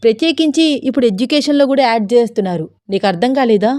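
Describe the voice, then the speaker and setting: A woman's voice: a little high, lively intonation, fast talker, a little mellow, dry recording, clean studio sound, natural voice. A woman voicing a teasing, eager young husband who scolds playfully.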